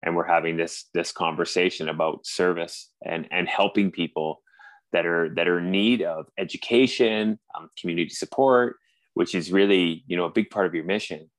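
A podcast host in his forties with a Canadian accent speaks in a low voice, recorded dry. He talks earnestly in a casual conversation, halting often and restarting his sentences.

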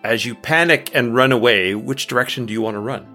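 A man's voice: mid-range voice, brisk, bright, forceful tone, faint music behind. A man running a tabletop game as game master, describing the action and patiently explaining rules, laughing often.

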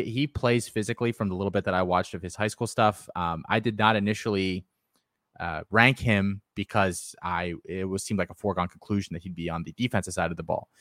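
A man with a lowish voice hosts a casual sports podcast and talks through his picks with confidence. His voice is recorded close and dry, with no room sound. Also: a bit bright, dry recording. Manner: confident, gives firm picks and advice. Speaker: podcast host. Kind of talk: casual sports analysis chat.

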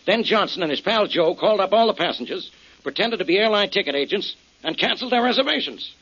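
A stern police inspector from a 1940s radio crime show. He scolds emphatically in a high, forceful, raspy voice. The old broadcast is muffled. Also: lively intonation, fast, full character voice. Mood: stern, triumphant. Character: gruff, stern, dogged male police inspector.

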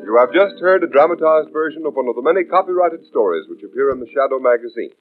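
A man's voice: medium pitch, animated, quick pace, faint music behind. An American man working as an old-time radio announcer, reading a script with formal, emphatic delivery on a vintage broadcast. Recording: tinny band-limited vintage radio broadcast.

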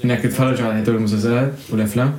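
A man's voice: mid-range voice, fairly even intonation, rapid-fire, a crowd in the background. A man in a casual chat, talking in long stretches with restarts. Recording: echoey room.

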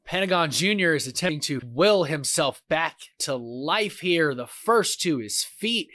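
A male wrestling commentator with a notably high-pitched voice delivers move-by-move play-by-play. He is excitable and breaks into exclamations on big moves. The sound is dry, with hardly any room echo.

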